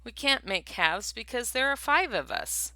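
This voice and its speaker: A small, brave mouse squeaks in a high, earnest voice, as a woman reads her part aloud. Her voice leaps up and down with bright energy. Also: animated, unhurried, dry recording.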